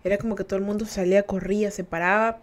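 A young woman from Ecuador, hosting a podcast and telling a story to listeners in a casual, animated way. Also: medium pitch, racing. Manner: animated, acts out voices and laughs while telling. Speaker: podcast host.

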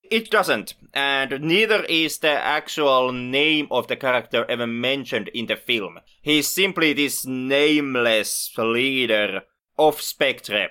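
Bright, crisp-voiced podcast co-host man. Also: medium pitch, takes it slowly. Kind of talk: casual film podcast chat.

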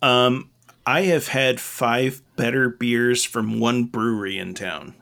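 A man co-hosting a casual podcast, giving opinions in a halting, meandering, loose and tipsy-sounding way. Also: mid-range voice, fairly even intonation, gravelly, fairly bright tone. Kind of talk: casual rambling chat.

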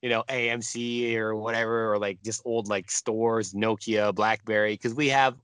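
Halting low-voiced man in his twenties. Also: little pitch movement, a bit bright, clear, resonant tone, no echo. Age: 20s. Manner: halting, filler-heavy. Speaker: guest musician. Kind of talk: casual conversational interview.

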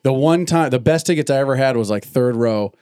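Animated storytelling man, dry close sound. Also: mid-range voice, fairly quick, clear, resonant tone, dry recording. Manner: animated storyteller, laughs often. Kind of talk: casual chat.

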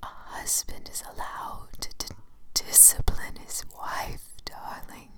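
A woman voicing a whispering shadow ghost of a violent husband that pleads and stammers, repeating itself in a breathy, voiceless hush. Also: slow pace. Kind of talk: horror story narration.

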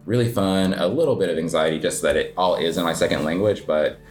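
Fast-talking and low-pitched, the American guest runs a coffee shop and chats through a laid-back interview. His answers meander informally, sprinkled heavily with "like."

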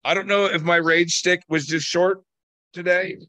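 A man with a scratchy voice, co-hosting a podcast and telling profane, animated stories in casual banter. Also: high voice, normal speed, no echo. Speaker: podcast co-host.

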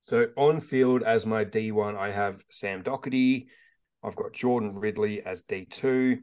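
Measured, low-voiced male podcast co-host. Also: a little mellow, smooth. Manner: measured, lists names plainly, explains his reasoning at length. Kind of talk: casual sports podcast chat.

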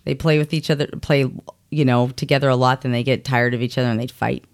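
A woman from Puerto Rico chatting casually on a podcast, animated and fond of acting out what other people say. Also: very deep voice, quick pace. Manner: animated, acts out quoted voices, laughs often. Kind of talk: casual chat.

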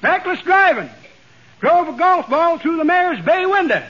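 A man's voice: very high voice, big pitch swings, a little slow, heavily acted. An actor playing a folksy, garrulous American old man with a quavering voice and a rambling rustic drawl in radio comedy. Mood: droll, matter-of-fact. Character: folksy, garrulous old-timer man telling tall tales. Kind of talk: 1940s radio comedy acting. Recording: dull, noisy 1940s radio recording.

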